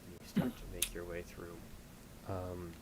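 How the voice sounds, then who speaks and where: A man narrating a tabletop game as game master, improvising halting, descriptive storytelling addressed to the player. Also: sits low, very noisy.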